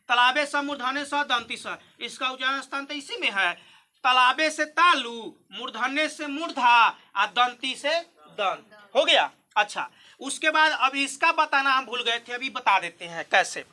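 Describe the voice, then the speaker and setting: A male teacher gives a lesson in a high, bright voice. He moves through the material step by step, posing questions to the class and then answering them himself. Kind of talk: classroom-style Hindi grammar lesson.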